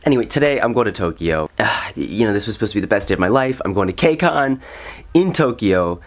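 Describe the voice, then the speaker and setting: A vlogger talking casually in a very low, rumbling voice, as if sick with a morning cold. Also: expressive, fast talker. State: sick, coughing. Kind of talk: casual vlog.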